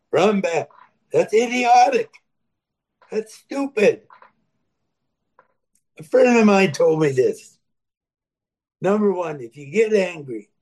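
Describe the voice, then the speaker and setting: A man in his eighties sharing his recovery story, speaking plainly and earnestly, repeating himself for emphasis. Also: medium pitch. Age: 80s. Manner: plain-spoken, swings between loud and soft. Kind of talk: personal testimony.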